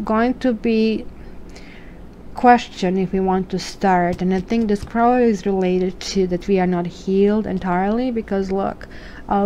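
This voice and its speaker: A Croatian woman with a Croatian accent reads tarot cards in a chatty, musing way, asking questions aloud. Her mid-range voice is warm, with slight background noise.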